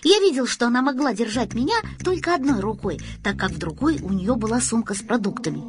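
Expressive woman reading a story. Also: a little high, quick pace. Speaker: audiobook reader. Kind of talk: scripted story narration.

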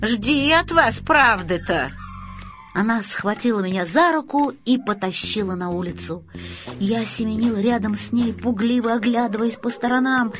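A woman narrating a story in an expressive reading voice. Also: on the high side, moderate pace. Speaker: audiobook reader.

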